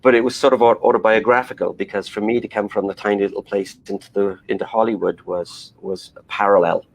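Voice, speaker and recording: Speaking fast with vocal fry, this middle-aged Welsh animation director has a lowish voice and fairly even intonation. He's in a conversational interview, rambling through restarts and fillers, and the recording is rough.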